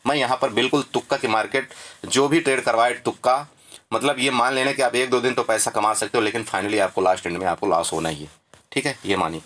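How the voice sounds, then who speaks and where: A man's voice: mid-range voice, fairly even intonation, fast talker, a bit bright. A man walking viewers through trading charts in a casual lesson, chatty and repetitive, often checking in with his listeners. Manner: chatty, repeats "theek hai", addresses viewers as friend. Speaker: stock market trading tutor.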